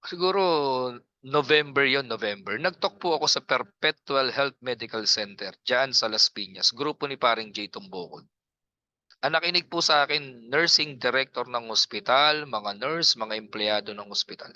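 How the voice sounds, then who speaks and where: A man's voice: medium pitch, animated, normal speed, bright, forceful tone, highs cut off. A man coaching public speaking in a casual online class, joking and teasing his students, talking into a laptop from a nipa hut on his farm. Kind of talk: casual online training talk. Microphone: laptop on a video call.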